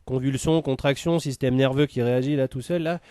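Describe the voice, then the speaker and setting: A man's voice: mid-range voice, steady tone, a little fast, mellow, clear, resonant tone, no room sound. A man telling a comic story in a rambling monologue, full of hesitations and fillers.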